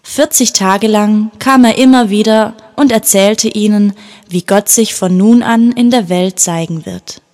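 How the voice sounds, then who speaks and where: Woman, Bible story narrator, gentle, calm, steady storytelling. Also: mid-range voice, measured pace.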